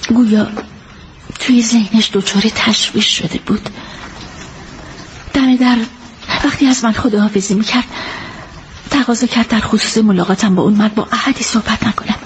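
A woman's voice: on the high side, fairly even intonation, long pauses, slight background noise, natural voice. Woman playing an earnest, loyal witness. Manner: earnest, careful storytelling. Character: earnest female witness, loyal to her friend. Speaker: witness giving a statement. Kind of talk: radio drama dub.

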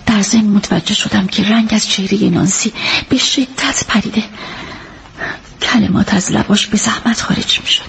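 A woman's voice: medium pitch, steady tone, vocal fry, a little hiss or hum, lightly acted. An actress playing an earnest female witness who carefully recounts a night's events to a detective, in a radio drama dub. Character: earnest female witness, loyal to her friend. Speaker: witness giving a statement.

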